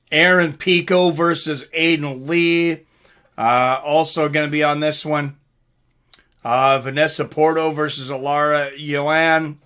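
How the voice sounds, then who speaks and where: This livestream host and fight commentator is a middle-aged man with a slightly high voice and a sharp tone. He rambles loosely, talking with his viewers, reading their chat comments aloud and responding while he discusses fights.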